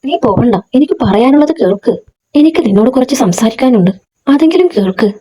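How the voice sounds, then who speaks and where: A woman reading aloud as a frustrated young man, earnest and pressing as he begs to be heard. The voice is mellow and a little breathy, pitched fairly high. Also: expressive, brisk. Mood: pleading.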